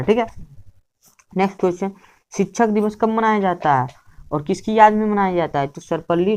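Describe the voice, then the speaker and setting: A woman teaching an exam revision lesson. She asks each question, gives the answer, repeats it, then closes with a quick check before the next one, and corrects her own slips as she goes. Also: fairly low pitch, a little mellow, a little hiss or hum.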